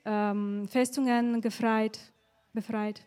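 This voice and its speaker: Woman interpreting on the fly, lots of ums, fairly high voice but flat. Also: smooth. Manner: halting, searching for words, many fillers. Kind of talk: live consecutive interpreting.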